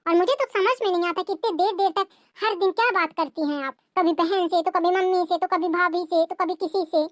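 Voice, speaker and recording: A woman's voice: extremely high pitch, a little fast, dry recording, studio quality. A woman voicing a scornful young adult sister-in-law in a cartoon family drama, taunting and nagging.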